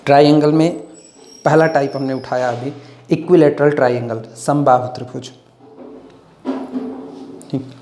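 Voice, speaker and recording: A man's voice: mid-range voice, steady tone, darkish tone, a little hiss or hum. Man dictating math notes, echoey room. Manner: slow dictation of formulas word by word; explains with homely comparisons. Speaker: math teacher. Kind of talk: classroom lecture, dictating notes.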